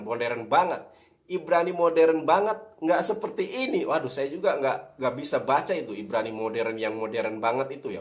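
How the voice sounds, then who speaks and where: A man giving a religious lecture as a preacher, earnest and direct, addressing his listeners as brothers and often correcting himself mid-sentence. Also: mid-range voice.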